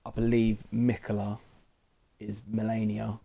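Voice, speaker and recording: A man streaming a game, rambling through relaxed commentary with many fillers. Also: lowish voice, measured pace, vocal fry, breathy edge, dull audio. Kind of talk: casual gameplay commentary.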